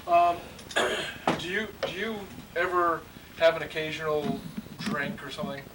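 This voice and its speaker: A man's voice: fairly high pitch, measured pace, close to an everyday voice. A man playing an earnest, bumbling anchor in a spoof newscast, stammering through his questions. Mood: earnest, halting. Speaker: news anchor. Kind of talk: parody news anchor, amateur spoof newscast. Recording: distant mic, clear background noise, clicks.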